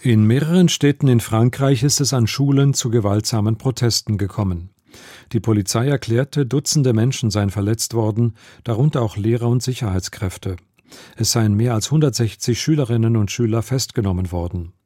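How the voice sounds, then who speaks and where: Dark-voiced male radio newsreader. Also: mid-range voice, no room sound, clean studio sound. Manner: measured, formal delivery. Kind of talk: scripted radio news reading. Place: radio studio.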